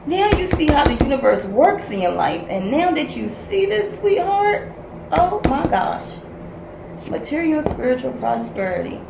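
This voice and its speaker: An older woman with a fairly high voice delivers a spiritual message reading like a stern big sister, swinging from soft coaxing to loud, cursing tough love. Her voice sits in an echoey room with a clear noise bed underneath. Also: very animated, measured pace. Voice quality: blunt, profane, tough-love preaching. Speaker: spiritual counselor.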